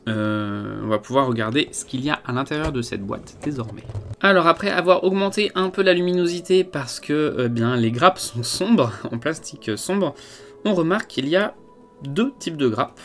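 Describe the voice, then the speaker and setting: A man's voice: fairly high pitch, lively intonation, moderate pace, fairly bright tone, soft background music. A man giving a casual unboxing review of miniature figures, talking with many hesitations and fillers. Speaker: wargaming hobby reviewer.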